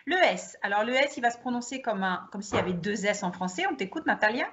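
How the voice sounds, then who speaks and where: A woman's voice: medium pitch, expressive, quick pace, fairly bright tone, dull audio. A woman teacher guiding a partner through pronunciation examples, prompting her to speak. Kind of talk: classroom demonstration dialogue.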